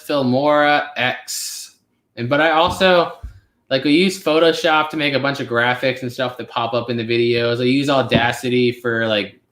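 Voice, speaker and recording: With a medium-pitched, slightly bright voice, this channel host in his twenties rambles through a relaxed live question-and-answer session, full of fillers. Roomy echo colors the recording.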